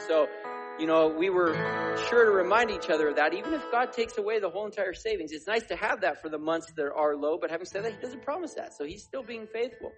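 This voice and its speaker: A pastor giving a conversational sermon at a pulpit microphone in a church, often asking the congregation to agree with him. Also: male voice, fairly high pitch. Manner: conversational, asks the crowd to agree. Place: church sanctuary.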